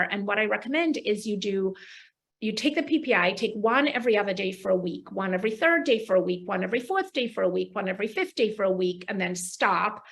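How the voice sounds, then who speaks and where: A woman gastroenterologist answering viewer questions on a live video stream, explaining medical terms in an animated, friendly way. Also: mid-range voice. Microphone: video call.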